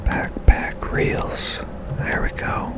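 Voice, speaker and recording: A gaming ASMR video creator whispers softly and breathily, musing tentatively to themselves as they comment on a video game. The pace is unhurried.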